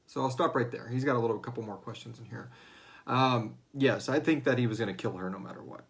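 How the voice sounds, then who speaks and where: A man with a gravelly, medium-pitched voice talks fast while hosting a casual Q&A. He writes and hosts a serialized audio fiction series, and his informal chat slips now and then into acted-out character lines.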